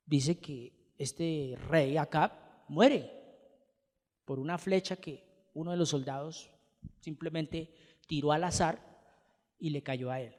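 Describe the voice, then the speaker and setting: Male preacher, high voice, lively delivery of a sermon in a reverberant church hall. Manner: animated, acts out the speakers he quotes.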